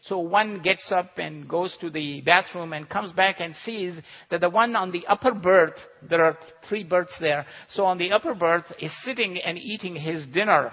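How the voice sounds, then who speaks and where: A man's voice: high voice, normal speed, few pauses. A man teaching in an earnest, instructive manner and telling anecdotes, in a dull recording with long hall reverb. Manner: earnest, instructive, tells jokes. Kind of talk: lecture with anecdotes.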